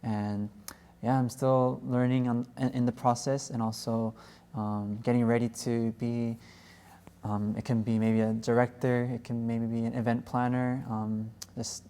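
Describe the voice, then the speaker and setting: A man's voice: medium pitch, little pitch movement, measured pace, warm tone, clear, resonant tone. A young man from San Francisco with an American accent, a musician guest chatting casually on a talk show, easygoing and laughing often. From San Francisco, USA. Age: young adult.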